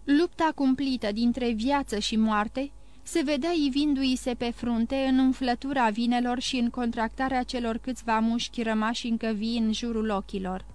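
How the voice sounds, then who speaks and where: A woman narrating a classic novel as an audiobook, reading in a measured, expressive way. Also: fairly high pitch.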